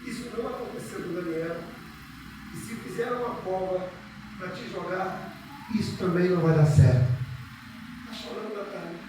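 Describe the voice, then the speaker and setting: A pastor with a Brazilian Portuguese accent and a high-sitting voice preaches in a church hall, alternating loud, drawn-out scripture reading with soft, close talk to listeners. He leads the congregation in call-and-repeat prayer. The hall is echoey, with a distant mic and background noise.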